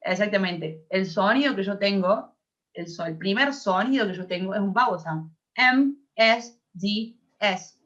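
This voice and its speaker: A woman's voice: medium pitch, expressive, unhurried, fairly bright tone. Argentine woman tutoring, dull lo-fi audio. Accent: Argentine Spanish. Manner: explains patiently, checks the class follows. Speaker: English tutor. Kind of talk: online class explanation.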